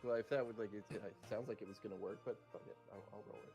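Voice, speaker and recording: A man's voice: fairly low pitch, fairly even intonation, quick pace, a little mellow. A man chatting casually as a player in a tabletop role-playing game. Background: background music.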